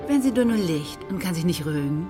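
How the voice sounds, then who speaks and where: An actress playing a worried, talkative neighbor in a film drama. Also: female voice, lowish voice, expressive, a little fast, music in the background, close to an everyday voice. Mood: anxious.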